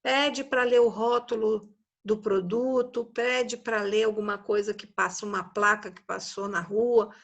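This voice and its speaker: A Brazilian woman teaching a recorded class to young children, explaining slowly and patiently and often tagging her sentences with a questioning "né?". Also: medium pitch, steady tone. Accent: Brazilian Portuguese. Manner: slow, patient, explanatory, frequent "né?" tags. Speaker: schoolteacher.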